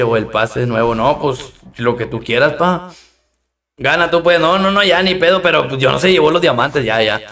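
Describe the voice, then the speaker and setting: Mexican male streamer, casual slangy chat, gravelly, recorded a bit off-mic. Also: a little high, a bit bright, recorded from a distance. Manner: slangy, greets and thanks chat viewers between rounds. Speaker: live-stream gamer. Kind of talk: casual live-stream game commentary.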